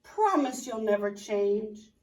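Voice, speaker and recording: A woman's voice: medium pitch, sing-song, slow pace, a little mellow. A woman voicing a young female caterpillar who speaks with wounded firmness in a storybook reading. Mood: hurt, firm. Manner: wounded, firm. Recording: roomy, from a distance.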